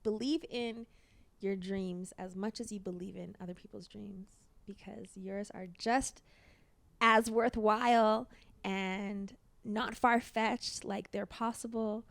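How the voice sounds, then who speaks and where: A woman talk-show host appearing as a podcast guest, chatting casually, lively and quick to laugh, getting emotional. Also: mid-range voice, gravelly. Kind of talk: casual chat.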